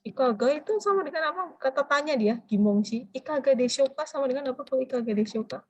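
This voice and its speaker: A woman teaching a language class, explaining phrases and quizzing her students with drawn-out prompting questions. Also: high voice, lively intonation, breathy edge, highs cut off. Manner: switches between explaining and drilling phrases. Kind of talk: interactive classroom lecture.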